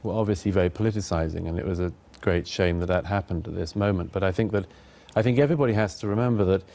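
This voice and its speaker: A man's voice: sits low, quick pace, creaky, darkish tone. A man giving political commentary as a studio guest, arguing firmly and emphatically. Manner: firm, emphatic argument.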